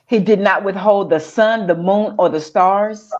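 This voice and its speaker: A woman preaching a sermon in slow declarative lines, calling the congregation to respond. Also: medium pitch, a little mellow, dull audio.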